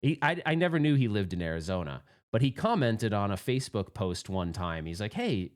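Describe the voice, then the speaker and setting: A man's voice: lowish voice, lively intonation, fairly quick. A man hosting his own channel, telling a rambling, self-mocking story in a casual, candid way. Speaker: pinball channel host.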